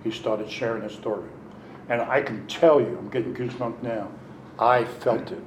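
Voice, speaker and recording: A man's voice: mid-range voice, moderate pace, slight background noise. Middle-aged guy sharing his story at a meeting, candid, does the voices, echoey room. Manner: candid, animated, acts out quotes. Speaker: recovery meeting speaker. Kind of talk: personal storytelling.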